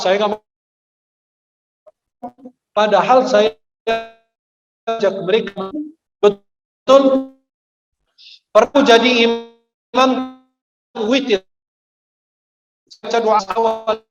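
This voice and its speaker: Guy preaching in a funny storytelling way, really high voice, dull lo-fi sound. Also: reverberant. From Egypt. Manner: lively storyteller who acts out the people in his stories. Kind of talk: humorous Ramadan sermon with anecdotes. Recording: dull lo-fi recording.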